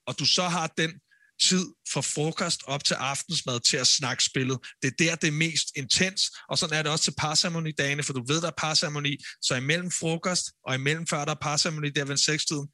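A man co-hosting a casual podcast chat, animated and emphatic, raising his voice when he rants. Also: fairly high pitch, no room sound. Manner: animated, gets loud and emphatic when ranting. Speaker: podcast co-host, former reality show contestant.

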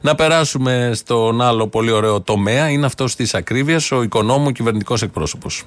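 A man in the host's chair of a satirical show, talking over clips with a mocking, amused edge. His voice sits at an ordinary middle pitch. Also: no echo.

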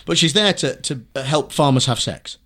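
A man's voice: mid-range voice, expressive, normal speed, sharp tone, slight background noise. A man hosting a podcast in casual comic chat, breaking off his own sentences in mock exasperation. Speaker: podcast host.

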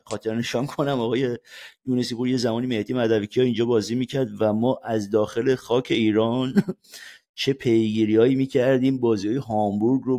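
A man's voice: lowish voice, mellow. A man from Iran, a sports journalist guest, chatting casually on a podcast and often laughing as he tells stories.

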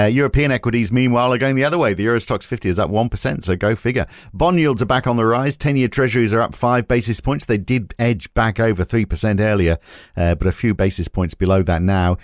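A man's voice: on the low side, no echo. A man hosting a morning markets call, running through figures with dry, wry asides. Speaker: host of a morning markets podcast. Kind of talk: casual market briefing.

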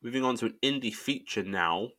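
A man hosting a film review show in a chatty, informal and halting conversational way. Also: medium pitch, sharp tone, no echo, clean studio sound.

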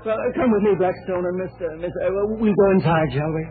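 Casting: male actor as fretful, fussy little proprietor, high voice, hurried dithering speech, old radio comedy-mystery style. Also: close to an everyday voice. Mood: flustered, apologetic. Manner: fretful, dithering, apologetic, repeats himself. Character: fussy, nervous little amusement park owner, man. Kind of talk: old-time radio drama acting. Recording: tinny, narrow-band vintage radio recording.

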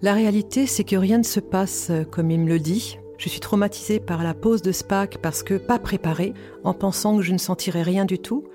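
A woman's voice: medium pitch, normal speed, mellow, soft background music. A woman in her fifties candidly recounting her experience as a patient, in an earnest personal testimony. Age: 50s. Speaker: patient sharing her cancer story.

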